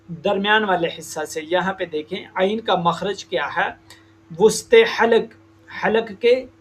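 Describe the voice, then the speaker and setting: A man teaching Quran recitation, explaining slowly and stretching out demonstrated sounds. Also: sits high, a bit bright, slight background noise. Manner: slow, deliberate explanation with drawn-out demonstrated sounds. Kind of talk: tajweed lesson.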